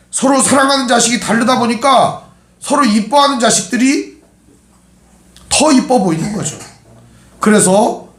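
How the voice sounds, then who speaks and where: Male pastor with a high voice, preaching with humorous family stories, echoey room. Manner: storytelling with humorous asides about family. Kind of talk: sermon. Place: church sanctuary.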